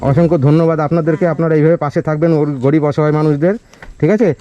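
A charity vlogger host, a young man with a fairly high, level voice, interviews villagers outdoors at great speed, coaxing them and repeating his questions. Loud music plays underneath, and the highs are cut off.

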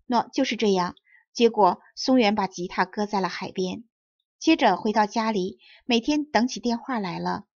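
A woman narrating a children's fairy tale in a soft, lilting storytelling voice. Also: mid-range voice, normal speed, no room sound, muffled recording. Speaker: audiobook narrator.

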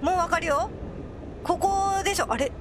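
A woman commentating on a horror game as she plays, excitable and prone to crying out when scared. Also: very high voice, moderate pace, noisy background. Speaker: video game player.

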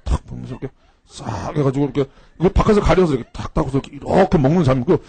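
A man's voice: medium pitch, very fast, gravelly, dark tone, breathy edge, no room sound. A man teaching a cram school class, telling a funny story to his students in a casual, slangy way. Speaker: cram school English instructor.

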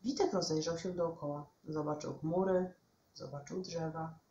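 A woman teacher reading a bedtime storybook aloud in an expressive, lively way. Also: deep voice, normal speed, a little hiss or hum. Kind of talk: storybook narration. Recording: echoey room, dull lo-fi sound.

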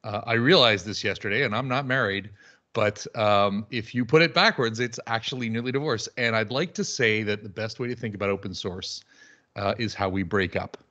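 A man's voice: on the low side, moderate pace, bright, forceful tone, dull audio. A man speaking as a panelist on a video call, talking in a witty, conversational way with fillers. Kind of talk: conference talk on a video call.

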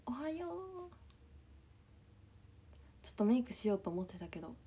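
Drowsy husky young woman livestreaming. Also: racing. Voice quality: husky, a bit low. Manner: just-woken, soft and drowsy, often near-whispered. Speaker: idol livestreamer reading comments. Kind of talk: casual livestream chat.

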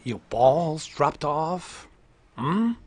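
He draws out his words in a fairly high, sing-song, husky voice. The man, in his thirties, streams gameplay from home into a large foam headset mic, making jokes, swearing and teasing his chat.

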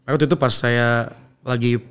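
A man's voice: mid-range voice, flat delivery, fast, clear, resonant tone. A young adult man, a pastor and guest, telling his story in an earnest, reflective way in casual conversation.

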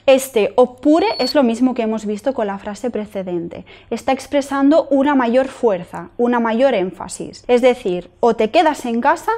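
Woman, language teacher, patient explanations, slightly high pitch. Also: warm tone. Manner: clear, patient explanation with slow example sentences. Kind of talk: explaining grammar to learners.

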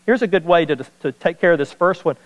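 A man's voice: on the high side, fast, long reverb tail, dull audio. A man preaching a sermon as pastor, repeating key points for emphasis.

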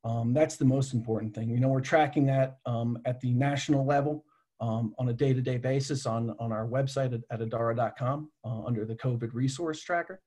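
Husky man presenting a webinar. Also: mid-range voice, brisk, mellow. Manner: casual, many fillers and restarts. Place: home office. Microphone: video call.

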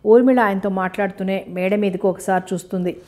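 A woman reading a novel aloud as an audiobook narrator, with steady, even storytelling. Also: medium pitch, a little fast.

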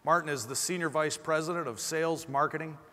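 A man's voice: fairly high pitch, fast talker, bright, forceful tone. A middle-aged man with a slight lisp, giving a keynote presentation on a conference stage through a lapel mic. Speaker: company presenter. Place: large conference stage indoors. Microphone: clip-on lapel mic. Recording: amplified hall with long reverb.

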